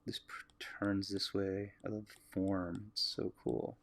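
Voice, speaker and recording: An American man livestreaming as he draws, musing aloud in a relaxed way and chatting with his viewers. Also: low-pitched, unhurried. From United States. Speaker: artist livestreaming a drawing. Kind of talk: casual livestream commentary while drawing.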